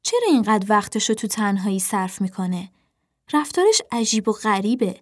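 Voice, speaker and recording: A woman voicing a grumpy, impatient young crow sister who turns shrill when excited.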